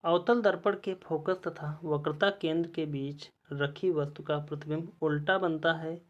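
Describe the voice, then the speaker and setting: A male teacher giving an exam-prep lesson, reading out quiz questions and their options one by one in a measured way. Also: on the high side, steady tone, muffled recording.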